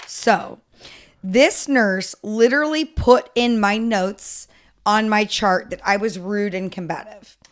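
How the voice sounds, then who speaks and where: Woman, podcast co-host; casual, chatty story reader, mid pitch. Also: slow pace. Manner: reads stories aloud, chatty. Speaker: podcast co-host reading stories.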